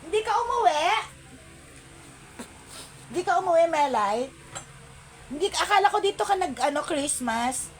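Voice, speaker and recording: A woman's voice: very high voice, sing-song, moderate pace, pauses often. A woman hosting an online live-selling stream, chatting with viewers by name and calling out item codes and prices, slipping English words into her talk.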